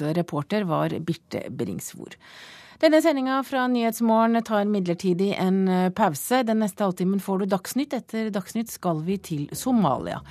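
A woman presents the morning news in a steady, measured way, reading each item clearly. Her voice sits at a middling pitch and sounds close and dry on a studio mic, with no room around it. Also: no room sound. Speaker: news show host. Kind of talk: scripted radio news presenting. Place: radio studio.

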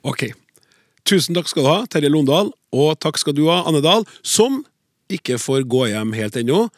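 A man's voice: on the high side, expressive, no echo, clean studio sound. A man hosting a radio language program, playful and chatty with his guests. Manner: playful, chatty, reads listener letters aloud. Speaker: radio show host. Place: radio studio.

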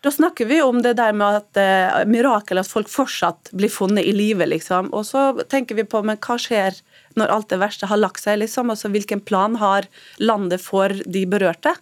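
Halting, emotional woman guest. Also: mid-range voice, dry recording. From Turkey. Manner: emotional, halting, many fillers. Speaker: interview guest. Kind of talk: radio interview.

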